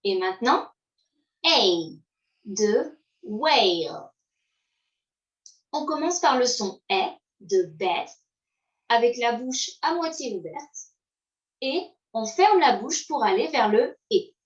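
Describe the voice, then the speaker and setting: A woman giving a slow pronunciation lesson, modeling sounds and pausing for learners to repeat. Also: fairly high pitch, animated. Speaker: English pronunciation teacher. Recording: roomy, distant, dull sound.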